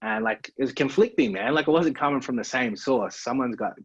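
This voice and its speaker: A man's voice: mid-range voice, brisk, breathy edge, no room sound. A man, a podcast guest chatting in a laid-back way, dropping "man" and "like" often. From Australia. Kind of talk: casual podcast conversation. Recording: dull, lo-fi and dry.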